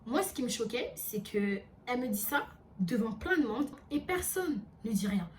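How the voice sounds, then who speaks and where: A young woman vlogger telling a storytime, animated and chatty with lots of fillers. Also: a little high, moderate pace, far from the mic, slight background noise. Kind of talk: storytime vlog.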